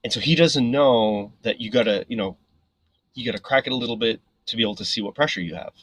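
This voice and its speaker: A man tells a story as a podcast guest in a husky voice. He talks casually and with animation, often checking in with "right?". The sound is close and dry. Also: medium pitch, quick pace, dry recording, low-quality recording. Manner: animated, filler-heavy, frequent "right?".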